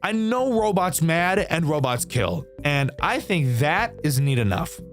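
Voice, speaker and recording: A man's voice: fairly high pitch, sing-song, measured pace, soft background music. A young man giving casual game review commentary as a YouTuber, candid and swearing freely. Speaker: gaming YouTuber.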